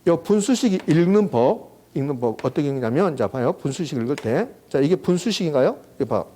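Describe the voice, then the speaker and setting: A man lecturing on an exam subject, walking students through a formula and quizzing them with quick rhetorical questions. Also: on the high side, animated, mellow. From South Korea. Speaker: real estate exam lecturer. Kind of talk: classroom lecture at a whiteboard.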